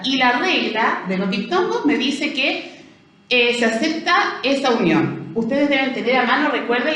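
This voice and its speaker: A woman with a Chilean accent, a teacher explaining a language lesson and spelling out syllables slowly. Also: high voice, a bit bright. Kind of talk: recorded language lesson review. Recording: echoey room, voice from far off.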